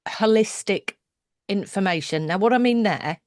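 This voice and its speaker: A woman's voice: medium pitch, moderate pace, darkish tone, dry recording, studio quality. A British woman hosting a conversational interview, thinking aloud with restarts and asides. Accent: British English. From United Kingdom. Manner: thoughtful, circling back with restarts and asides. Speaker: podcast host.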